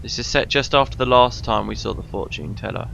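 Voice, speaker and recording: A man's voice: lowish voice, fairly quick, gravelly, fairly bright tone, dull audio, a little hiss or hum. A man giving casual, informal commentary as he plays a video game, sometimes hesitant. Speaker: video game let's player.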